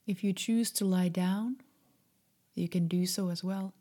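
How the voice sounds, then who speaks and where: A woman guiding a meditation in a soft, breathy, half-whispered voice, gentle, soothing and unhurried. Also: fairly low pitch, steady tone. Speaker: meditation guide. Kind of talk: slow guided meditation.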